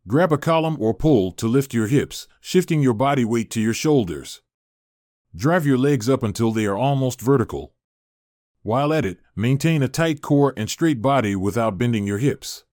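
A man reading a scripted narration about exercise in an even, informative way. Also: medium pitch, no room sound, studio quality.

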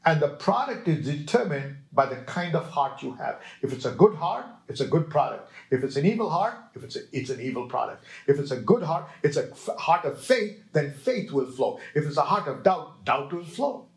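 A man's voice: on the high side, big pitch swings. A man preaching a sermon with emphasis, quoting scripture and checking in with his listeners. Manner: emphatic, slow, with call-and-response checks to the listeners.

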